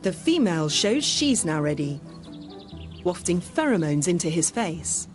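Low-voiced woman narrating a nature documentary. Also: big pitch swings, unhurried, faint music behind.

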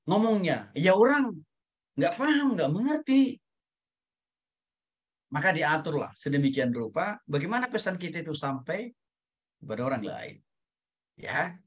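A husky-voiced pastor delivers an animated lecture to a Bible school class, swinging from loud, emphatic highs to soft, low asides. He frequently adds a quick "ya" or "saudara" to his phrases.

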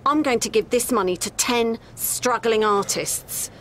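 A woman's voice: fairly high pitch, measured pace, a little hiss or hum, close to an everyday voice. A woman playing a sarcastic artist. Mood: indignant. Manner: dry, sarcastic. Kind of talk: comedy radio drama.

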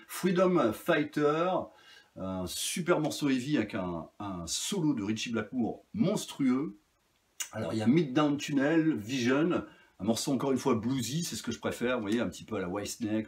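A man casually reviewing his vinyl finds, chatty and rambling with many fillers and restarts. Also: mid-range voice. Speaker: record collector vlogger.

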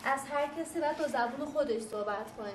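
High-voiced woman pushing with questions, room echo and noise behind, kinda insistent. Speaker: documentary filmmaker. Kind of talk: tense negotiation in casual talk. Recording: echoey room with background noise.

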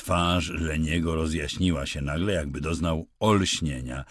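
A man reading an audiobook in a calm, measured style, close to a studio mic. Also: a bass voice, no echo. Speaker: audiobook narrator. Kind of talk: scripted narration.

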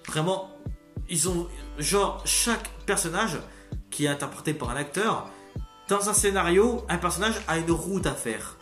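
A man giving a casual spoken review, rambling and excitable, swearing freely and bursting into loud outbursts. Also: high voice, unhurried. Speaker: video critic. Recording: roomy echo, faint music behind.

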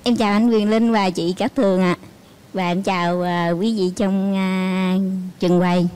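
A woman, the contestant's older sister, greeting the hosts politely and haltingly before giving her opinion. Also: medium pitch, steady tone, a little mellow, clear, resonant tone.

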